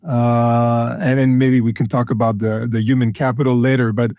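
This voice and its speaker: An Ethiopian man who founded a consulting firm speaks in a conversational interview, hesitating and filling his talk with fillers and repeated words. His mid-range voice is mellow and flat, at normal speed, with no room sound.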